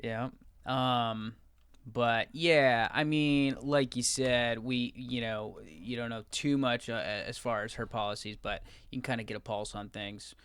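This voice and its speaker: A man's voice: mid-range voice, steady tone, unhurried, a bit bright, smooth, no echo. A man co-hosting a podcast, a tax preparer chatting in an easygoing, joking way. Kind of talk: casual chat.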